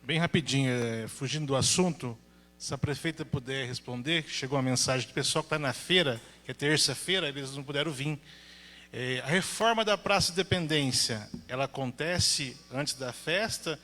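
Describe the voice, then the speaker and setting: A man with a Brazilian accent from Paraná, asking the mayor a hurried, polite question. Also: medium pitch, pushed and bright. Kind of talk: formal question. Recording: reverberant council chamber PA.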